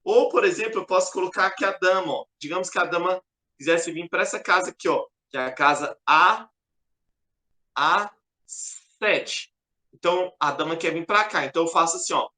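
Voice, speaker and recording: Bright-voiced man teaching chess. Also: high voice, moderate pace. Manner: patient, repetitive, keeps pointing things out. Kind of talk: explaining a lesson over a board. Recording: echoey room.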